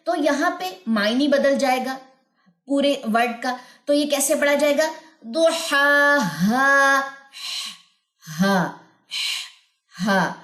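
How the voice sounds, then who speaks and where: A woman teaching Quran recitation in a recorded online lesson, patiently explaining sounds and chanting verses slowly and melodically. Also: high-pitched, a bit bright, echoey room.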